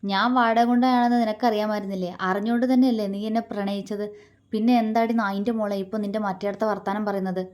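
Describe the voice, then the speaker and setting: A woman reading a story aloud, voicing a hot-tempered young male gangster who shouts with contempt. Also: medium pitch, steady tone, fast talker, close to an everyday voice. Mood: scornful.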